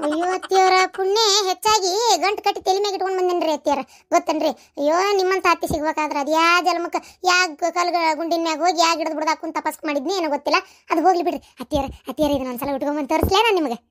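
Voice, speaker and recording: A woman with a North Karnataka Kannada accent playing a vain, flattering young daughter-in-law who sweet-talks her mother-in-law. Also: very high-pitched, rapid-fire, hardly any pauses. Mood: sweet-talking. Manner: sweet-talking, coaxing.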